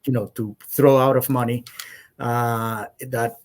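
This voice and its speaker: Hesitant man, middle pitch. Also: fairly even intonation. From Costa Rica. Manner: halting, many fillers and restarts. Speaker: podcast guest, insurance agent. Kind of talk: casual interview conversation.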